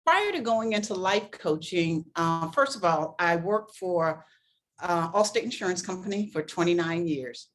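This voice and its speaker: An older woman from Boston, slightly low in pitch, speaking as a guest on an interview podcast. She speaks earnestly and gratefully, in a measured, steady way. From Boston, East Coast. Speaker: life coach guest.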